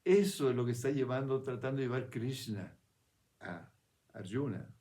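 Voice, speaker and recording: With lively intonation and a mellow medium-pitched voice, this spiritual speaker reflects in an unhurried, chatty way. He restarts his phrases as ideas form and keeps checking in with the listener.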